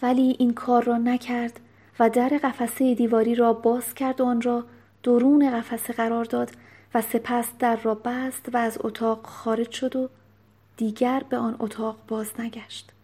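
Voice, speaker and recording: A woman narrating a novel aloud in a calm, measured storybook reading. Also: a little high. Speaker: audiobook narrator.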